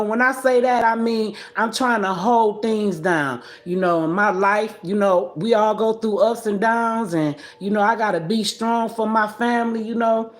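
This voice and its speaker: A woman in her sixties hosting a casual livestream, talking bluntly and scolding with animated trash talk. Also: on the high side. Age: 60s. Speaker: livestream host.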